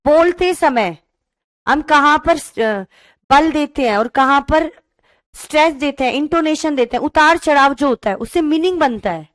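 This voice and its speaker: A woman teacher giving an online class, explaining slowly and reading questions out word by word. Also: high voice, expressive, no echo, studio quality. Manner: calls students "beta", mixes English into talk.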